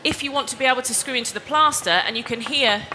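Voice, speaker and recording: Bright-voiced woman demonstrating DIY in a hall. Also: sits high, fast talker. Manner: chatty, explains step by step. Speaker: DIY presenter. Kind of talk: live demonstration talk. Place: exhibition hall stage. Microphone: headset or lapel mic. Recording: reverberant hall, faint background noise.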